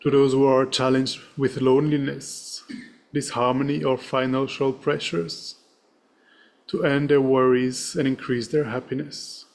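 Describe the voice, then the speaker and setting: A man leading a guided meditation as its teacher, speaking in a serene, gentle and measured manner. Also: medium pitch, little pitch movement, vocal fry, low-quality recording.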